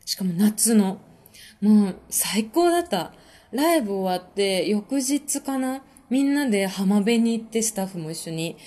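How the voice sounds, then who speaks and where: A woman hosting a casual live-stream chat with her listeners. She is relaxed and chatty, uses lots of fillers, laughs often, and reads out and answers viewer comments. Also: medium pitch, unhurried. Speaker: podcast host and musician.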